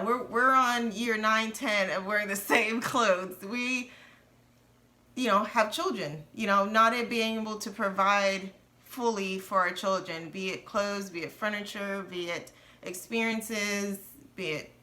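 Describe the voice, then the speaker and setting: A woman's voice: on the high side, pushed and bright. A woman in her thirties talking candidly and earnestly in a casual conversation about money and marriage. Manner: earnest, candid, laughs nervously at times. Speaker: co-host of a personal finance channel.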